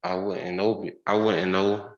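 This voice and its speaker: A man in his twenties testifying as a defendant, giving hesitant, halting answers, heard on a courtroom recording. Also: sits low, flat delivery. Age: 20s. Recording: roomy, dull courtroom audio.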